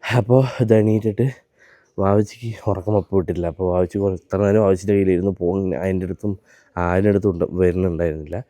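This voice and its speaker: A man's voice: low-pitched, fairly even intonation, fast talker, mellow, no echo. Chatty man filming a family vlog. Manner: chatty, talks straight to viewers. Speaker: vlogger. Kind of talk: casual daily vlog narration. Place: family home, early morning. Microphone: handheld phone.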